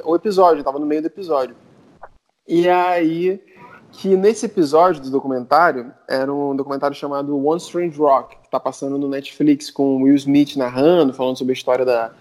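A young Brazilian man with a Brazilian Portuguese accent, telling anecdotes in a casual, slangy, animated chat. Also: a little high.

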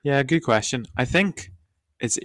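A man who preaches, talking things over on a podcast in a reflective, hedging way with a croaky voice. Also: medium pitch, expressive, measured pace, dry recording. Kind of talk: podcast discussion.

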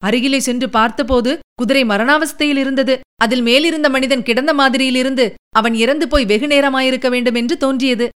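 A woman voicing a fierce, wild female ghoul priestess with a harsh, rough voice, excitedly telling her tale in a storybook reading. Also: high-pitched.

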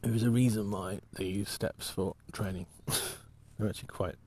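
A man talking casually while out walking, rambling in halting, restarting sentences as he thinks aloud. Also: on the low side, fairly even intonation, a little mellow, slight background noise. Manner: rambling, halting, many restarts and trailing thoughts. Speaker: walking vlogger and artist.

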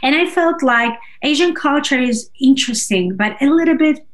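An expressive, high-voiced singer-songwriter, whose native languages are Russian and Georgian, talks as an interview guest in a casual conversation. She speaks haltingly, searching for words and often asking "right?".

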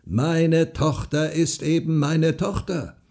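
A man voicing a stubborn, boastful old farmer who speaks gruffly and mockingly. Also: on the high side, fairly even intonation, takes it slowly, voice pushed up. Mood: boastful, scornful. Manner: gruff, loud and mocking, drawn out.

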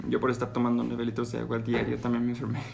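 A man's voice: medium pitch, monotone, very fast, vocal fry, a little hiss or hum. A man in his twenties with a Mexican accent, co-hosting a casual podcast, talking in slangy, profane banter and laughing often. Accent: Mexican Spanish. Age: 20s. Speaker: podcast co-host. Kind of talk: casual chat.

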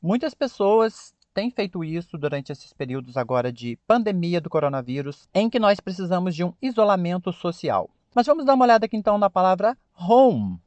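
Brazilian male podcast host, English teacher, high and dry voice, repeats words carefully. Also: big pitch swings, a little mellow, no room sound, lo-fi sound. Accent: Brazilian Portuguese. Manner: didactic, repeats words slowly for emphasis. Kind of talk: podcast lesson on English pronunciation.

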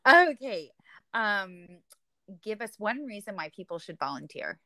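A woman's voice: mid-range voice, expressive, moderate pace, pushed and bright, dry recording. A woman with an American accent hosting a conversational interview in an encouraging, affirming way. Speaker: podcast host.

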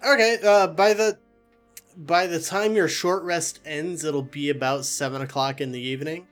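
A man running a tabletop game as dungeon master, describing scenes casually and haltingly. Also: on the high side, steady tone, a bit bright, soft background music.

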